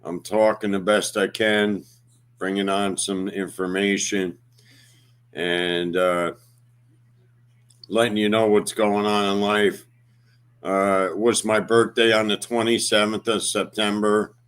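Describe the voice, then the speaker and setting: Slow, halting man in his fifties. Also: lowish voice, flat delivery, fairly bright tone, smooth. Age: 50s. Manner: slow, halting, many fillers. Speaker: livestream host. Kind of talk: casual livestream chat.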